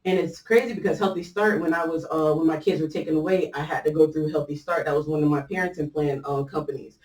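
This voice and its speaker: A woman's voice: sits low, steady tone, fast, a little mellow, distant mic. A woman casually telling a personal faith story, chatty and loose, with lots of fillers and easy laughter. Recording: echoey room, voice set back from the mic.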